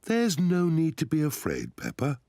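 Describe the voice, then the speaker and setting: Jolly cartoon dad pig. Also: male voice, on the high side, wildly swooping pitch, normal speed, vocal fry, warm tone, no echo, studio quality, exaggerated voice. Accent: British English. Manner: cheerful, chuckling. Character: jolly father pig, cheerful and kindly. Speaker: cartoon father. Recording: cartoon soundtrack with music.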